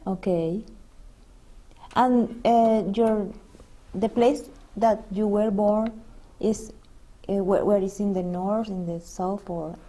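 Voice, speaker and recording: Mellow-voiced Venezuelan-born woman interviewer. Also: mid-range voice, steady tone. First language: Spanish. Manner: hesitant, halting questions with restarts. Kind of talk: unscripted interview questions.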